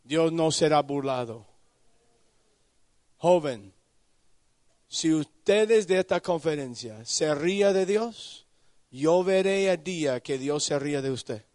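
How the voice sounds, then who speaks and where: A man preaching a sermon at a youth conference, asking listeners questions by name and swinging from quiet low warnings to high shouted pleas. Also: lively intonation, takes it slowly, long pauses, no echo, clean studio sound. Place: conference hall.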